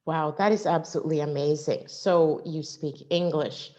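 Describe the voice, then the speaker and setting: A woman's voice: low voice, moderate pace, a little mellow. A woman hosting a casual interview, asking curious questions with small hesitations. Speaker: interview host. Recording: muffled lo-fi audio.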